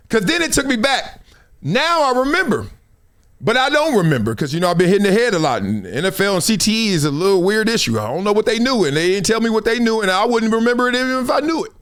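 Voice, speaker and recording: A middle-aged American-accented man from South Central Los Angeles hosts a show full of casual slang, jokes and stories. His voice sits high and sounds fairly bright.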